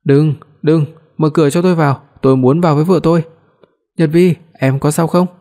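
Một người đàn ông đọc lời của một người chồng trẻ chiều vợ, hay chiếm hữu, nói dứt khoát. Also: male voice, fairly high pitch, steady tone, brisk, dark tone, lightly acted. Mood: frantic. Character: young husband, possessive and doting.

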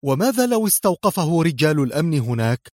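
A man's voice: on the high side, very animated, quick pace, a little mellow, no room sound, voice pushed up. A tense, loyal female aide in a spy story, speaking worried and pleading, voiced by a man reading aloud. Her voice sits well above the reader's own. The recording is dry and close.

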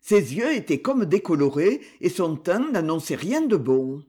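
A man narrating a literary novel aloud in a measured storytelling manner. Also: sits high, breathy edge. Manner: measured storytelling with lively intonation. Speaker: audiobook narrator.

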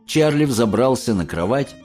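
Casting: lively male storyteller reading a children's book. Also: medium pitch, moderate pace, faint music behind. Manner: expressive, varied storytelling. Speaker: narrator. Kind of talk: scripted audiobook narration.

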